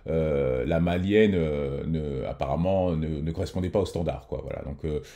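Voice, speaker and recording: A man's voice: rumbling low, moderate pace, warm tone. A man hosting a reaction video, talking casually with many hesitations and restarts. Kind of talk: casual commentary.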